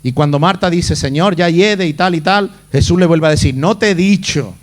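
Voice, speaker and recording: Male pastor, high voice, dramatic sermon delivery. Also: normal speed. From Spain. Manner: dramatic, acts out the Bible figures' lines.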